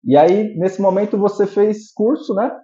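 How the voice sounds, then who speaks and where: A fairly high-voiced man hosts a casual interview, eager and leaning on little fillers as he talks. His tone is dark and mellow. The sound is muffled and echoes around a bare room. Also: normal speed. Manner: enthusiastic, uses many fillers like "né" and "aí". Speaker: host.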